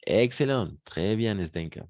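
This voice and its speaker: A man teaching French to Spanish speakers, who repeats phrases slowly and switches into Spanish to explain. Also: on the low side, animated, darkish tone, dry recording.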